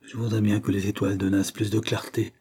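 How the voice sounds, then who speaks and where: A man's voice: on the low side, flat delivery, fast, warm tone, breathy edge. A man reading a story, voicing a nervous, guilty young man muttering to himself.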